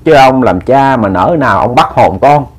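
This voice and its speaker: A man voicing a widowed old mother who prays softly and pleads for her son. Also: medium pitch, lively intonation, moderate pace, close to an everyday voice. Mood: pleading. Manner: soft, pleading.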